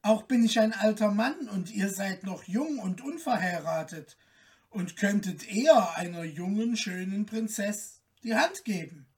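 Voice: medium pitch, measured pace, distant mic, lightly acted. A reader voicing an old grand vizier turned into a stork, grumbling and reluctant.

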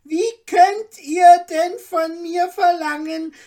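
A woman voicing a rasping, unyielding male merchant in a storybook reading. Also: fairly even intonation, takes it slowly, warm tone. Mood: scornful. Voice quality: rasping, shrill.

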